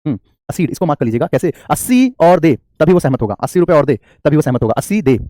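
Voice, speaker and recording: A man's voice: on the high side, animated, quick pace, warm tone, dry recording, clean studio sound. A man teaching English vocabulary in a live online class, chatty and joking, calling his students "beta" and reading their comments aloud.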